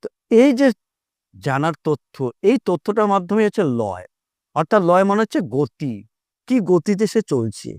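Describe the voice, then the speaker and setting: A man's voice: sits high, a little mellow, smooth, no room sound, studio quality. A man teaching a lesson to students, patiently repeating his points and reciting short rhymes to show their rhythm.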